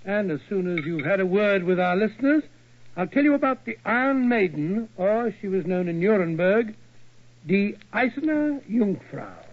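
A man's voice: high voice, lively intonation, normal speed. A man acting a genial, fussy older English doctor with a British accent, in 1940s radio style. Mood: genial, storytelling. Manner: bluff, chatty, fussy. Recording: dull, lo-fi old radio recording.

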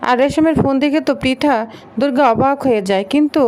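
A woman narrating a quick recap of a TV serial episode, linking each exchange with "then she says". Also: sits high, darkish tone.

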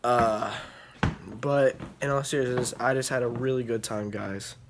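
Young male vlogger, unwell, slow, rambling casual delivery. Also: medium pitch, steady tone, noisy background. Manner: rambling, filler-heavy, coughs and clears throat. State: feeling unwell. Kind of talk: casual vlog chat. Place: outdoors in heavy rain, then indoors.

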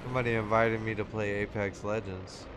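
A man's voice: on the low side, little pitch movement, fairly quick, background noise. A man from Arkansas streaming a video game, laid-back, laughing often and swearing casually. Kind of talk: casual gaming chat.

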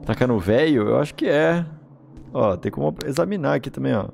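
A man's voice: mid-range voice, expressive, fairly quick, creaky, darkish tone, a little hiss or hum. A man with a Brazilian accent giving casual, slangy let's-play commentary as a gaming host, reacting and swearing as he goes.

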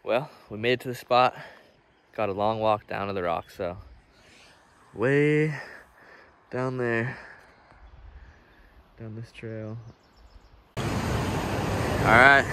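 A man's voice: fairly high pitch, background noise. A man narrating a casual vlog in a laid-back, slangy, chatty way. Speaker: vlogger.

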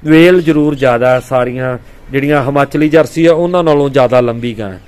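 A man's voice: mid-range voice, fairly quick, a little mellow. A man hosting a dairy farming video, walking viewers around a cow for sale in a friendly, casual way. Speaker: dairy farming vlog host. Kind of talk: casual livestock sale walkthrough. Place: outdoors on a farm.

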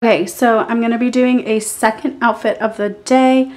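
A woman's voice: on the high side, fairly even intonation, normal speed, darkish tone. A young woman, talking casually to camera in a lifestyle vlog, chatty and upbeat, with many fillers. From Texas. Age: young adult. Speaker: vlogger. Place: parked car, then small bedroom doorway.

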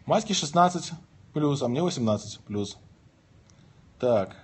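Unhurried and expressive, a man in his thirties uses a husky, mid-range voice as he hosts a livestream from bed. With the phone held at arm's length, he reads viewer questions aloud, answers them and cracks jokes.

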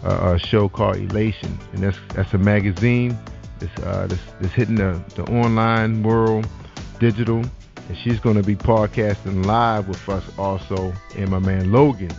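Man hosting a lively online radio talk. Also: on the low side, moderate pace, gravelly. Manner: animated, repeats "that's right", gives shout-outs. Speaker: podcast host. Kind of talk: casual internet radio chat. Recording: dull lo-fi sound with faint music.

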